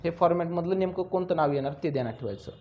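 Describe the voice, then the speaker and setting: High-voiced teacher drilling a class. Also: male voice, very fast, dull audio. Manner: asks the class constant questions, teasing and drilling. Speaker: accounts teacher. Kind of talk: classroom lecture.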